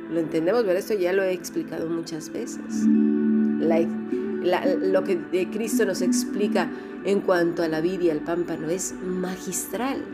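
Woman Bible teacher, explanatory and questioning, low-ish voice; music bed clearly audible. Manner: explanatory, asks rhetorical questions. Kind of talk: online Bible class.

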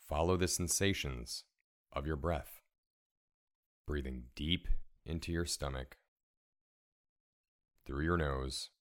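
Speaking in a very deep voice, this man, a podcast host acting as meditation guide, walks listeners through a relaxation session with soft, calm, measured instructions one step at a time.

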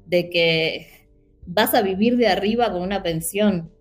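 Soft music plays behind an Argentine woman whose fairly low voice moves at an unhurried pace. In a casual panel she speaks Rioplatense Spanish earnestly and with animation, leaning on many fillers.

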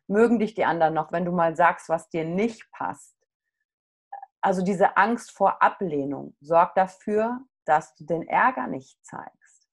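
A middle-aged woman, a coach, telling a personal story in casual conversation, candid and animated. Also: fairly low pitch.

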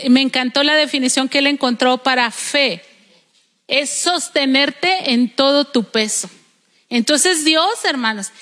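Female preacher, Mexican accent, high voice, a lively storyteller with reverb from the hall. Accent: Mexican Spanish. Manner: storytelling, acts out quoted voices. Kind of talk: sermon. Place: church hall.

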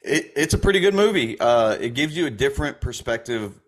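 A man co-hosting a loose sports podcast, blunt and profane. He delivers crude jokes in a flat, matter-of-fact way. His voice sits at an ordinary middle pitch for a man. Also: a little fast. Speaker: podcast co-host.

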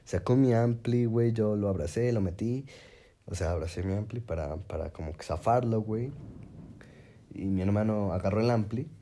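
A young man with a Mexican accent, telling a story casually with lots of slang and swearing, his pitch jumping up when excited. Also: moderate pace. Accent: Mexican Spanish. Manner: slangy, profane, fillers constantly.

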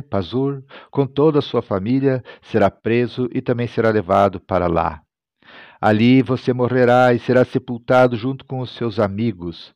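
A man's voice: lowish voice, dry recording. Male pastor, Bible reading, dramatic delivery, muffled lo-fi sound, dry. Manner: dramatic, rising to loud cries on quoted lines. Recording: dull lo-fi recording, dry.

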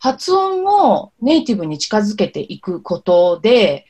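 A woman interpreter speaking as a podcast guest in a relaxed, thoughtful way, often pausing on soft fillers. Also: mid-range voice, husky.

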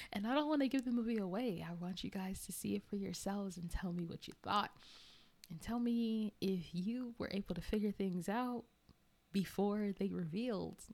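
A woman's voice: mid-range voice, darkish tone. A woman hosting a podcast in a casual, chatty way, laughing often and tripping over her words. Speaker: podcast host reviewing a movie. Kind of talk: casual chat.

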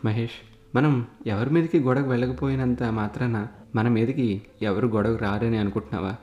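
A man's voice: medium pitch, steady tone, moderate pace, highs cut off, natural voice. A man voicing a weary, blunt middle-aged brother-in-law in a spoken story, matter-of-fact, recorded in an echoey room with faint guitar music.

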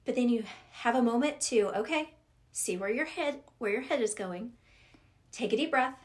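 A middle-aged woman chatting as a podcast guest, expressive and lively as she acts out her own thoughts. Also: fairly high pitch, moderate pace. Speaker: podcast guest, professional coach. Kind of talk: casual conversation.

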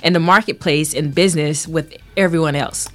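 A woman's voice: low voice, steady tone, a little fast. A woman entrepreneur speaking as a guest in a casual interview, explaining things with plenty of conversational asides.

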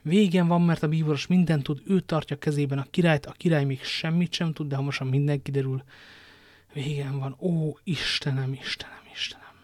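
A man's voice: fairly high pitch, fairly even intonation, few pauses, a little mellow, no echo, natural voice. A man reading an audiobook, voicing a frightened young queen who pleads in breathless whispers, in a dry close recording. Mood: despairing whisper.

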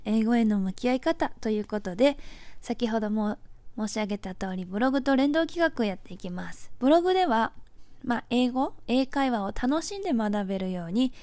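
A woman's voice: on the high side, dark tone, dry recording. A woman in her forties, from Japan, hosting a casual solo audio talk and explaining things in a chatty, friendly way with filler words. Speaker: podcast host.

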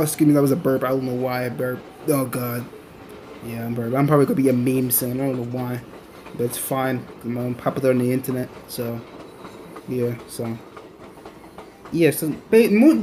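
Rambly young dude doing a solo podcast, kinda high voice, little bit of noise behind. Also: male voice, darkish tone. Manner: rambling, many restarts and fillers. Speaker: podcast host. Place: on his way to a train station.

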